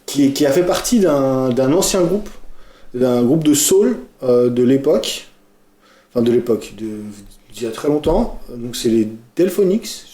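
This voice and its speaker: A man talks casually and keenly about a favourite song, stopping often to find his words. His voice is mellow and dark, at an average pitch. The room around him is echoey. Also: animated, measured pace. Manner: hesitant, many fillers, enthusiastic. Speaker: podcast co-host presenting a song. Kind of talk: casual chat.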